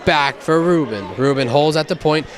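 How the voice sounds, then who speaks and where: A man's voice: fairly high pitch, moderate pace. A man giving hockey play-by-play and game previews as a sports commentator. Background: music.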